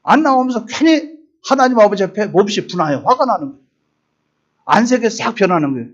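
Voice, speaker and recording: Male pastor, high-pitched, dramatic preaching delivery, muffled church recording. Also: very animated, a little fast. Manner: preaching with dramatic voiced quotes, rising to emphatic peaks. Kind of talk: sermon.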